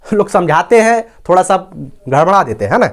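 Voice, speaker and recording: A man's voice: high-pitched, very animated, fairly quick. A man teaching a maths lesson at a board. He explains step by step and keeps checking that listeners follow.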